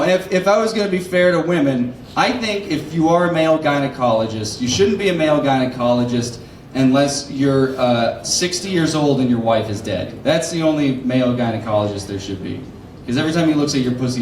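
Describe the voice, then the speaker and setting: A man's voice: medium pitch, a little fast, a little hiss or hum. A man doing loose, rambling stand-up comedy and crowd work at an open mic, laughing at his own asides. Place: comedy club stage. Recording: roomy club sound.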